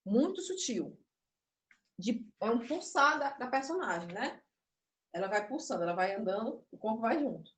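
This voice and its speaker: A woman's voice: fairly high pitch, big pitch swings, moderate pace. A woman teaching a puppetry class online, explaining and demonstrating, a little nervous. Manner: explanatory, demonstrative, self-interrupting. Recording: echoey room, voice from afar.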